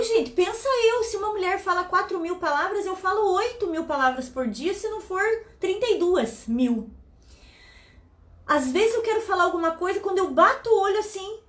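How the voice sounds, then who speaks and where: A woman hosting a motivational talk for women, speaking fast, loud and very animated. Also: extremely high pitch, echoey room. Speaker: host.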